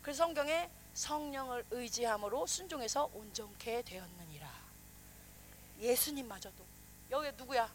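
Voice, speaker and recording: A woman pastor preaching a sermon, animated, questioning the congregation and acting out quoted voices. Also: on the high side, normal speed, a little hiss or hum.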